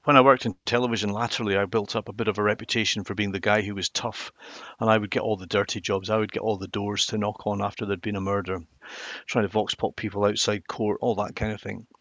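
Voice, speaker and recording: A mature man with a Highland Scottish accent, telling stories reflectively and emphatically in a conversational interview. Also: little pitch movement, fast talker, a bit bright, dry recording, lo-fi sound. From Inverness, Highlands of Scotland. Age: middle-aged or older. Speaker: interview guest, former television journalist.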